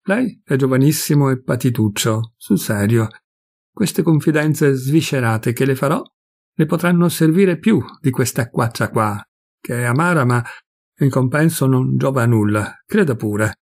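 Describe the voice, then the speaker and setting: Man putting on a fat jovial fifty-something man, gossipy, confiding, smug, gravelly voice, storybook reading. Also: medium pitch, lively intonation, moderate pace, a little mellow. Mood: chatty. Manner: gossipy, confiding, pleased with himself. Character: fat jovial man in his fifties, chatty.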